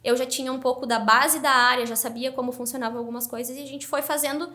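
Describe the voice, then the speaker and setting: A woman's voice: high voice, quick pace. A woman guest on a podcast, telling her story animatedly in a casual interview. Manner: animated, excited narration.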